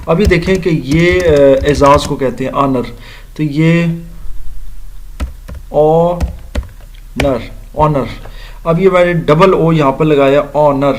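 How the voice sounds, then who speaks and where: A man teaching an English grammar lesson, explaining slowly, spelling out letters and repeating words for his students. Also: fairly high pitch, a little hiss or hum. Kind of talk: recorded grammar lecture.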